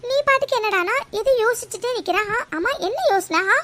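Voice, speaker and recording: Woman doing a squeaky high teasing girlfriend, gossipy college pal, cartoon. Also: a little fast, pushed and bright. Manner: teasing, prying.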